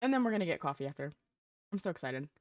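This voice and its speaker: A woman's voice: sits low, very animated, rapid-fire, a little mellow, no echo. A young adult woman streaming live, chatting casually with her chat while gaming and greeting viewers by name.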